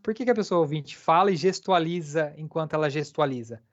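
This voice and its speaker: An interpreter voices a deaf lecturer's talk live, speaking in halting phrases full of filler pauses. The pitch sits in the middle of the range. The stream sounds dull and lo-fi.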